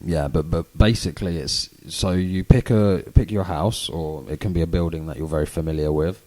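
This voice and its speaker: A man's voice: low-pitched, normal speed, a little mellow. A British man with a chavvy accent, chatting casually and informally as a co-host explaining things, in a rambling way. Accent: British, self-described chavvy. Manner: informal and rambling, many "you know"s. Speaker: podcast co-host. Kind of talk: casual educational chat.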